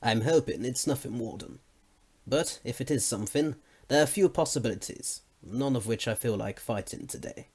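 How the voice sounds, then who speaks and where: In an audio drama, a man plays a self-assured, principled time-travelling scientist, speaking formally with measured authority and a wry, wary mood. His medium-pitched voice is a little mellow with a breathy edge, and faint noise sits behind it.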